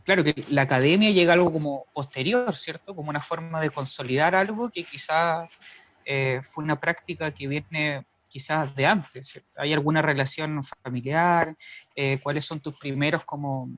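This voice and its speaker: A man's voice: fairly high pitch, moderate pace, fairly bright tone, no room sound. A man, an interviewer asking long, winding questions that he corrects as he goes, over a video call.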